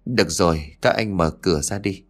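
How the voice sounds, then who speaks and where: A man voicing a calm young exorcist. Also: low voice, a little fast, soft background music. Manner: calm, reassuring.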